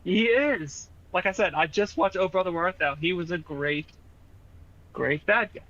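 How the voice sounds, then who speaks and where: Bright, higher-voiced male player. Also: normal speed. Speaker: tabletop game player. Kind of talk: casual banter. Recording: dull lo-fi sound.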